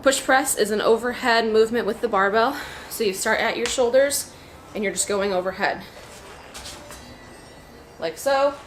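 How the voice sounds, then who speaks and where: Her voice a little high and her pace brisk, a heavily pregnant young woman vlogs about fitness and demonstrates workouts in a small indoor garage gym at home. She keeps it informal, full of "like" and "you know." The audio is poor, with slight background noise.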